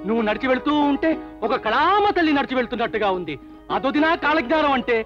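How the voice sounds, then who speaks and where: A man's voice: extremely high pitch, sing-song, quick pace, over music. A melodramatic lovestruck young man. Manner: theatrical, self-pitying outbursts. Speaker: comic film character. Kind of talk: film dialogue. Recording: dull, lo-fi film soundtrack.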